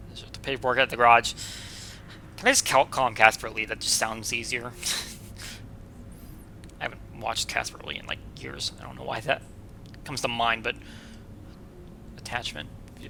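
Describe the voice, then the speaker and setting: A man hosting a casual let's-play, chatty and joking as he reacts out loud. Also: mid-range voice, steady tone, normal speed, gravelly, long pauses, slight background noise. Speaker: gaming video host.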